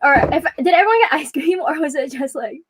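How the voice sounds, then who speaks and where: High-voiced giggly young woman host. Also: animated, quick pace, slight background noise, low-quality recording. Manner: giggly, chatty, frequent laughter. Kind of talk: casual livestream chat.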